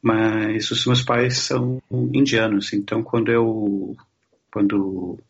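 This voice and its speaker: A man's voice: fairly low pitch, level tone, slightly rough, muffled recording. A man from Brazil, a social scientist guest, answering interview questions thoughtfully with frequent restarts. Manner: thoughtful, halting, many restarts.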